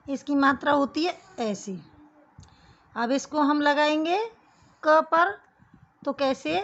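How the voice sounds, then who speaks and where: A woman's voice: high-pitched, fairly bright tone, lo-fi sound. A woman teaching young children a writing lesson, patiently explaining each step and calling them "beta". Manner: patient, addresses kids as beta.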